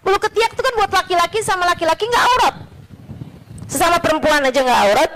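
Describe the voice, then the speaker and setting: A woman's voice: high-pitched, expressive, a bit bright, a little hiss or hum, voice pushed up. A woman doing an indignant old sheikh. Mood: indignant retort. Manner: rapid, heated, scolding retorts. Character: indignant elderly male sheikh, sharply rebuking.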